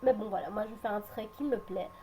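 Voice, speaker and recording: A woman's voice: mid-range voice, fast talker, warm tone, slight background noise. A woman giving a casual makeup tutorial at home, hesitant and full of filler sounds and restarts as she talks through each step. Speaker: beauty vlogger.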